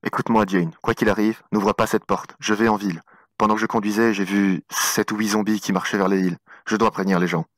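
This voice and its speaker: A man's voice: on the low side, flat delivery, quick pace, no room sound, pitched below the performer's own voice, close to an everyday voice. A man playing a desperate, protective father in an audio horror drama, speaking urgently and insistently. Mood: grave, urgent. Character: desperate protective father warning of zombie attack.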